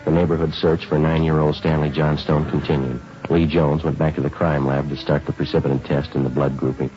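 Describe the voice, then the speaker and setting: An actor playing a deadpan, clipped police sergeant who narrates and questions in a vintage radio drama, courteous and matter-of-fact. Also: male voice, a bass voice, fairly quick, faint music behind. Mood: flat, factual. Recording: dull, band-limited vintage radio recording.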